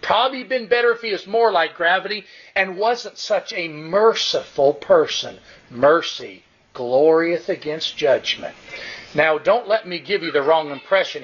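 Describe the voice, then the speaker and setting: A high-pitched man preaches with a husky grain in his voice. He is emphatic and repeats his key lines, slowing down to drive each point home. The recording sounds dull and lo-fi. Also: a bit bright. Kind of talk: sermon.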